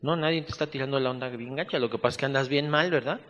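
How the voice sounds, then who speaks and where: Mexican male Bible teacher, unhurried dictation with chatty asides, medium voice, reverberant hall. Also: mid-range voice, a bit bright, dull audio. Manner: slow, spelled-out dictation mixed with conversational asides. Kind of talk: Bible study lesson, dictating notes.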